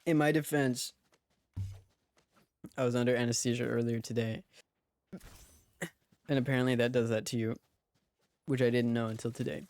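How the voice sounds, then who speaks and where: A man's voice: medium pitch, level tone, fast, long pauses, darkish tone, no room sound. A man streaming a watch party, giving casual play-by-play commentary on an esports match and talking straight to his chat.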